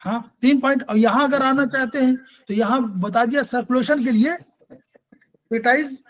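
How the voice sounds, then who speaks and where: A man's voice: very high voice, fairly even intonation, normal speed, low-quality recording. A man teaching an acupressure class, explaining patiently and repeating key points, mixing English terms into his talk.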